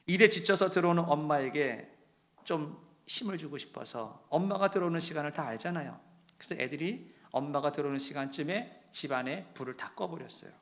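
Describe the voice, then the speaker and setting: A man preaching a sermon in a somewhat high voice. He tells the story in a gentle, intimate way, then swells into forceful emphasis. He often puts questions straight to the congregation. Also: brisk. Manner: storytelling, swings between hushed and emphatic delivery; asks the congregation direct questions. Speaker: pastor.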